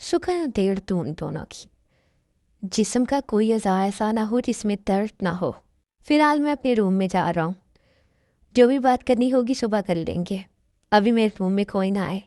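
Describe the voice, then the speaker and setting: A woman's voice: medium pitch, expressive, moderate pace, dark tone, no room sound, studio quality, voice pushed down, lightly acted. A woman voicing a curt, commanding young male mafia boss in a fan dub. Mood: menacing. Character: young male mafia king, cold and angry. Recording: music in background.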